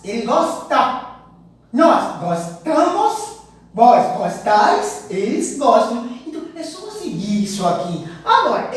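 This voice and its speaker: A woman teaching a language lesson, explaining and slowly repeating verb conjugations with frequent chuckles. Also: a little high, a little mellow. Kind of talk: recorded online language lesson. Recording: echoey room, mic far off, faint noise.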